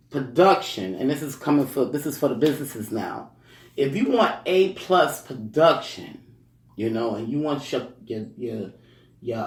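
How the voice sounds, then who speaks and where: A man giving casual motivational talk, rambling with lots of "you know" and "um" and chuckling between points. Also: mid-range voice. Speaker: speaker sharing life advice. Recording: roomy echo, distant mic.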